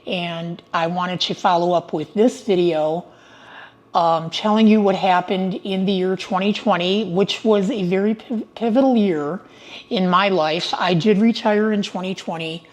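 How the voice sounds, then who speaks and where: A woman's voice: mid-range voice, unhurried. An older woman in retirement chatting casually to her viewers from her home, upbeat and prone to digressions. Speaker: retiree vlogger. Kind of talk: casual vlog monologue.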